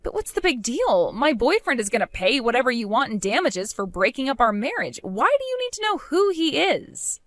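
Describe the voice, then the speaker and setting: A woman's voice: on the high side, very animated, fairly quick, hardly any pauses, fairly bright tone, dry recording. A woman voicing a scheming, unfaithful young wife who coaxes and pleads to get her way. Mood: defensive. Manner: pleading, coaxing.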